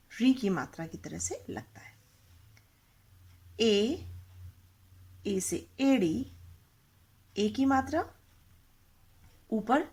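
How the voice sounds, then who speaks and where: Female teacher for young kids, slow and patient, sings up and down through her words, slightly husky. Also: medium pitch. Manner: patient, asks questions and repeats words for practice. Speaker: Hindi teacher.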